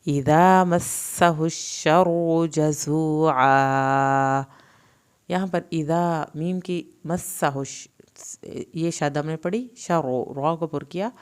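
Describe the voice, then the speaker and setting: Woman, Pakistani Urdu accent, Quran recitation teacher, low clear voice, slow drawn-out chanting then quick explanations. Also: darkish tone.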